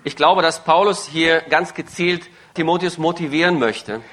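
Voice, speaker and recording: A man with a bright, forceful voice, pitched a little high, interprets a sermon live. He follows the preacher phrase by phrase and echoes his emphasis, sometimes stumbling briefly and correcting himself. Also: steady tone, normal speed. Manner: follows phrase by phrase, occasional hesitations and self-corrections.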